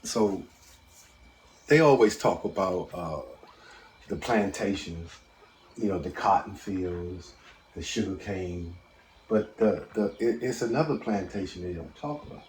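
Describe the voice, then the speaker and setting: A man's voice: low voice, a little slow, long pauses, darkish tone, echoey room, a little hiss or hum. A man calling into a group voice chat, hesitant with many fillers, his phone held away from his mouth so he sounds faint and distant. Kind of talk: casual chat.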